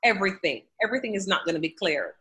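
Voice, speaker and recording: Quick-paced and animated, this woman speaks in a medium-pitched voice with a sharp tone. As a podcast guest and language educator, she gives earnest, conversational answers from her home office, quoting scripture out of deep faith.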